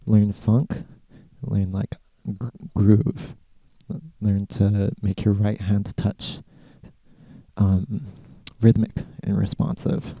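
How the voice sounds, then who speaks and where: Gravelly, dark-voiced American man. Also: lowish voice, flat delivery, takes it slowly, no echo. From California, USA. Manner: laid-back, rambling, with many "like" fillers. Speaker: podcast host answering listener questions. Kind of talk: casual Q&A chat.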